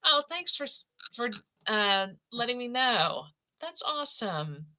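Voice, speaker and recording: A woman's voice: fairly high pitch, big pitch swings, a little slow, sharp tone, poor audio. A middle-aged woman hosting a live scrapbooking stream, demonstrating crafts in a chatty, effusive way and greeting viewers by name. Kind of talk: casual livestream craft demo.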